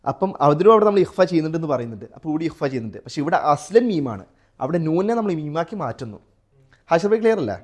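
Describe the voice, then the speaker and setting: A man with a Malayali accent teaching a Quran recitation class, quizzing his students and chanting example verses slowly. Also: fairly high pitch, sing-song. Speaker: tajweed teacher. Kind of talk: live class lesson with students.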